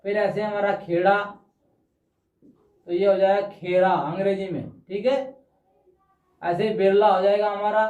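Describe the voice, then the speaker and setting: A male teacher giving a patient, explanatory lesson, pausing often to check that his students follow and slowly repeating key words. He stands back from the mic, so his voice comes across roomy and a bit dull. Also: high-pitched, steady tone, far from the mic. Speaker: Hindi teacher.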